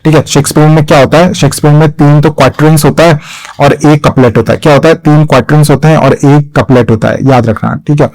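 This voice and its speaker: A man's voice: a little high, fairly even intonation, fast talker, a little mellow, low-quality recording. A young man talks through an exam-prep lesson with a slightly raised voice. He often poses a question and then answers it himself. His delivery is patient and repetitive. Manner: repeats key points as questions and answers them. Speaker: teacher.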